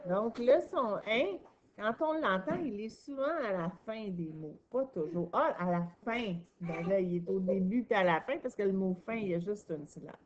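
A woman with a Québécois accent teaching a reading lesson to children, sounding out words slowly and praising answers. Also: medium pitch, animated, lo-fi sound, a little hiss or hum. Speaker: primary school teacher.

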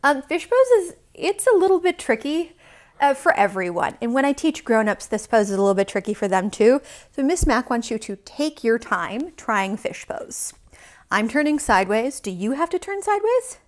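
A woman teaching yoga to young children, playful and silly, with sudden high exclamations. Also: very animated, moderate pace. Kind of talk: guided kids' yoga lesson.

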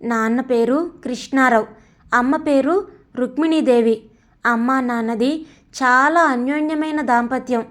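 High-voiced woman reading a story. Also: a little slow. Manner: expressive, voicing each character in turn. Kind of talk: reading a family story aloud.

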